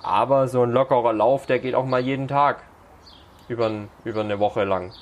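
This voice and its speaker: A man's voice: mid-range voice, fairly even intonation, normal speed, muffled recording. A man hosting a sports podcast in casual chat, hesitant with many fillers. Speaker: podcast host.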